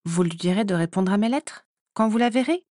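A woman voicing a lively adult woman in a storybook reading, hearty and outspoken, quick to turn sharp. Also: lowish voice, no echo, clean studio sound, natural voice. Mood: cheerful. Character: lively grown woman, warm but quick to anger.

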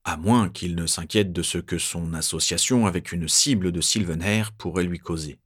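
A man reading a first-person story aloud in a measured, tense narrating voice. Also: deep voice, husky.

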